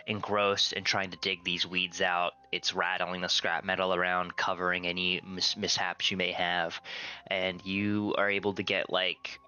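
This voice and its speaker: Deep, very bright-voiced male game master. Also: clear, resonant tone, poor audio. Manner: casual, halting, searching for words. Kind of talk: improvised tabletop game narration.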